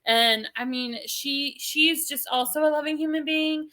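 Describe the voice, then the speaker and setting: A woman's voice: high voice, measured pace, bright, forceful tone. A middle-aged woman from California, co-hosting a casual faith podcast and telling a long personal story with many fillers and restarts. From Southern California. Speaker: podcast co-host.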